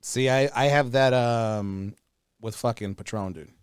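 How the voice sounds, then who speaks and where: A man's voice: medium pitch, measured pace, clear, resonant tone, no room sound, studio quality. A man in his thirties, a stand-up comedian, telling stories in a laid-back way, swearing a lot and calling people dude. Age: 30s. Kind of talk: casual storytelling.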